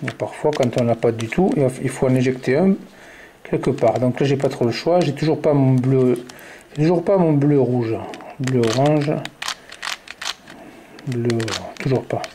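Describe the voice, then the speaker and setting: Mellow-voiced man talking through a puzzle. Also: medium pitch, a little slow, pauses often, a little hiss or hum. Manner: muttering moves and colors aloud. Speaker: puzzle tutorial presenter. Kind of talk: step-by-step tutorial talk.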